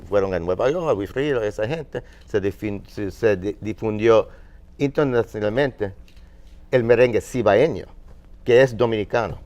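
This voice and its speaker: A man from Finland on a panel, explaining music history in a halting, searching way with many fillers. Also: on the low side, a little mellow. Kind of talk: panel discussion.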